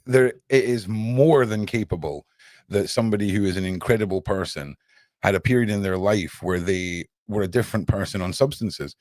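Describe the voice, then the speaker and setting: A man hosting a casual live discussion, explaining his points haltingly with repeated words. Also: on the low side, darkish tone, no echo, studio quality.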